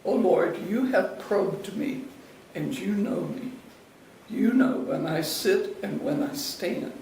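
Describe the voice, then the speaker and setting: A man reading scripture as a lector in a church service, deliberately, phrase by phrase, in an echoey, distant recording. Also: high voice, lively intonation, a little mellow, a little hiss or hum.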